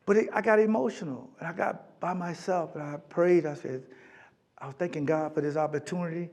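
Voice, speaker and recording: A man telling stories from a stage with a fairly high voice. He acts out the people in his tales and laughs often as he talks. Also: brisk, a little mellow. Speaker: motivational speaker. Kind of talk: storytelling keynote. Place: event stage.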